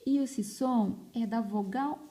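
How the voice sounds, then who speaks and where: A woman, a teacher giving an early literacy lesson to children, stretching words slowly and repeating each syllable with emphasis, recorded on a phone. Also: fairly high pitch, warm tone.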